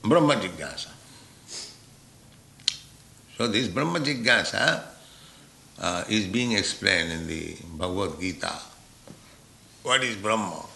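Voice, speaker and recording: A man giving a philosophical spiritual lecture, deliberate and pausing, checking in with the listeners with a rhetorical "huh?". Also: fairly low pitch, lively intonation, gravelly, sharp tone, reverberant, slight background noise. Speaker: spiritual teacher.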